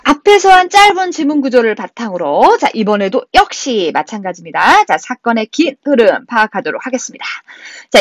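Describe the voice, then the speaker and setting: A woman teacher giving an exam-prep literature lecture, briskly walking through a story with chatty asides to students. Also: a little high, no echo.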